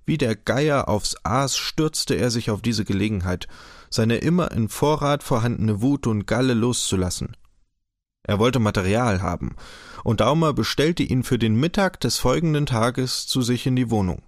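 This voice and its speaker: Man reading a German novel, measured. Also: medium pitch, no echo, studio quality. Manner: even, measured narration. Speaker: audiobook narrator. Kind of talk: literary audiobook reading.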